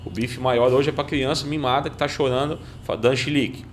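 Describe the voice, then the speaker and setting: A man's voice: medium pitch, fairly even intonation, brisk, a little hiss or hum. A man in a casual podcast conversation, giving earnest, reflective commentary.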